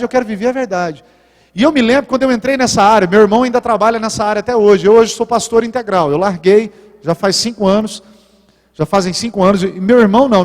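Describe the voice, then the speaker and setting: A man with a Brazilian Portuguese accent, a pastor giving a live sermon in a church and telling personal stories while acting out the dialogue. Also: high-pitched. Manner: lively storytelling, acting out dialogue. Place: church hall. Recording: reverberant church hall.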